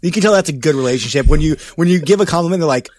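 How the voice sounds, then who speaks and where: Teasing man with a lively voice. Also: on the high side, very fast. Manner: teasing, playfully outraged banter. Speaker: podcast co-host. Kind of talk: casual podcast chat.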